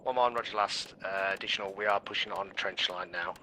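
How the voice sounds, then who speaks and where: A man speaks in a lowish voice over an in-game radio. He gives short, formal replies in clipped military radio procedure. Gunfire from the game crackles clearly behind him. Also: fairly quick. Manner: terse, formal call-and-reply. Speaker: squad member reporting by radio.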